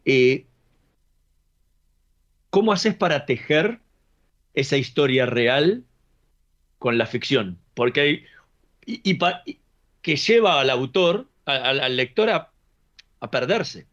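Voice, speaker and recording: A man's voice: mid-range voice, expressive, takes it slowly, long pauses, a bit bright, lo-fi sound. An Argentine man hosting an interview, asking long questions hesitantly, searching for words with fillers and repeats. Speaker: interview host. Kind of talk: radio interview.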